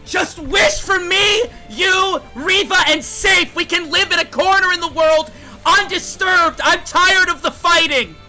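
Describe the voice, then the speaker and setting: A man voicing a frantic young woman who begs and shouts for the fighting to stop. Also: measured pace, soft background music, exaggerated voice, low-quality recording. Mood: pleading. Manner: shrill, pleading, shouting.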